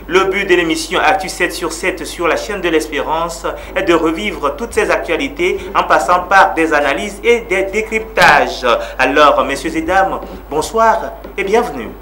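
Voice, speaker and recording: A man hosting a television interview, speaking in a measured, formal way whose phrases trail off quietly. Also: a little high, a little hiss or hum. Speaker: TV host.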